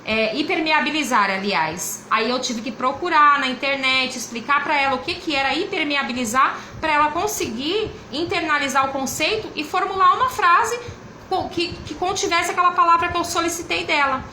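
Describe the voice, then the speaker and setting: A woman's voice: sits high, moderate pace, sharp tone, roomy sound, a little hiss or hum, low-quality recording. A woman literacy teacher with a Brazilian Portuguese accent, explaining classroom activities step by step. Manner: explains step by step, sometimes acting out prompts to a child. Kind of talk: instructional explanation.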